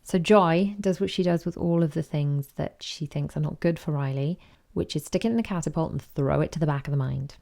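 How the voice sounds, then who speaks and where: A woman's voice: deep voice, brisk, gravelly, warm tone. A woman, hosting a podcast and chattily retelling a story with quoted voices. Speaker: podcast host. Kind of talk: casual chat.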